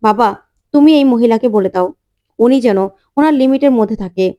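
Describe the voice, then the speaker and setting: A woman's voice: a little high, brisk, close to an everyday voice. A woman voicing a furious, defiant teenage girl, reading her lines sharply and indignantly in a serial retelling. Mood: cold, defiant. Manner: sharp, indignant, rising to shouts.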